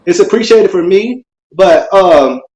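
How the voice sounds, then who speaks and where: A man calling in to a show, explaining himself casually and earnestly, halting and repeating his words as he goes. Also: sits high, animated, darkish tone, rough recording. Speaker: caller on a call-in show. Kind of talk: casual unscripted debate.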